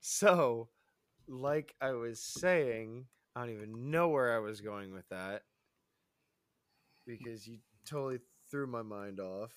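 A man's voice: mid-range voice, takes it slowly, pauses often, no echo. A man co-hosting a casual chat, rambling, stuttering and laughing as he talks. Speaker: podcast co-host. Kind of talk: casual chat reviewing a show.

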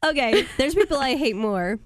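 A woman with a hoarse voice, co-hosting a casual podcast chat, talking in a chatty, self-deprecating way with dry asides. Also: sits high, big pitch swings, moderate pace, no room sound. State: hoarse from illness. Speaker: podcast co-host. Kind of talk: casual chat recapping a reality show. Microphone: studio microphone.

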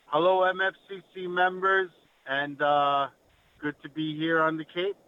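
A man gives a casual fishing report as a guest on a podcast. His audio is slightly dull and lo-fi, like a remote call. He talks in halting phrases with pauses mid-sentence. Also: on the high side, steady tone, sharp tone, a little hiss or hum.

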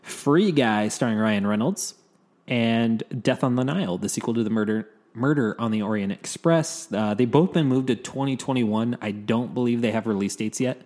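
A man's voice: medium pitch, normal speed, darkish tone. A man co-hosting a casual movie news podcast in an upbeat, informal way, recorded in an echoey untreated room. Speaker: podcast co-host. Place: new home podcast studio without soundproofing.

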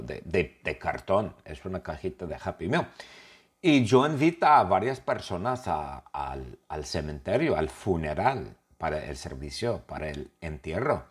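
A man voicing a dead little hamster back as a zombie, telling its own burial story, with a low voice that swings widely in pitch and keeps stopping to repeat and fix words, comic and unpolished. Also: very animated, heavily acted. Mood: deadpan. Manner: halting, repeats and corrects words often. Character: dead male pet hamster turned zombie. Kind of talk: improvised comic story in a second language.

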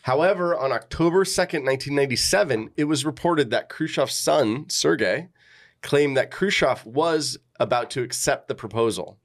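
An American man talking through space-race history on a casual podcast. He reads long quotations in a steady voice and then drifts into loose, meandering chat full of fillers. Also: mid-range voice, normal speed. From United States. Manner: reads quotes plainly, then rambles with fillers. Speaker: podcast co-host. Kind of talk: casual chat, reading notes aloud.

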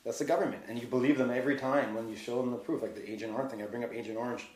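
A man's voice: mid-range voice, steady tone, rapid-fire, a little mellow. A man hosting a podcast, ranting heatedly in casual conversation and swearing freely. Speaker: podcast host. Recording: roomy echo.

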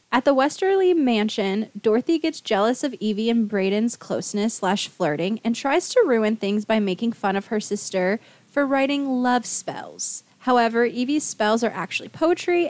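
A higher-pitched woman recaps a book on her podcast. She talks in a chatty, casual way and drops wry comments between plot points. The recording is close and dry. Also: darkish tone, no room sound. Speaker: podcast co-host.

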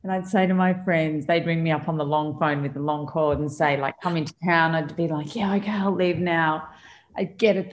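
A middle-aged Australian woman chatting as a podcast guest, animated and stumbling over restarts. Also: low-pitched. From Australia (Victoria). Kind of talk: casual podcast interview.

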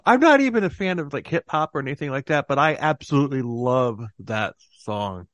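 Animated, laughing male podcast host. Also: mid-range voice, a little fast, dry recording, muffled recording. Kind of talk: casual chat.

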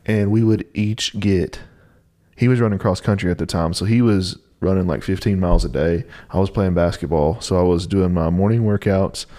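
A man's voice: sits low, normal speed, mellow. A man co-hosting a fitness podcast, telling stories. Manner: easygoing storyteller. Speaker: podcast co-host, coach. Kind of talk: casual chat.

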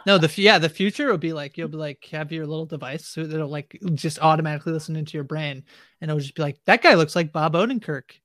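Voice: medium pitch, fast talker, fairly bright tone, dry recording, clean studio sound. A podcast co-host chatting in a laid-back, amused way. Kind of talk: casual chat.

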